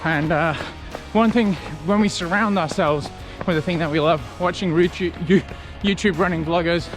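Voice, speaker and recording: A man talking casually to camera as a running vlogger, in a reflective, conversational way with halting short phrases. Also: sits high, music in the background. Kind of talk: casual vlog talk to camera.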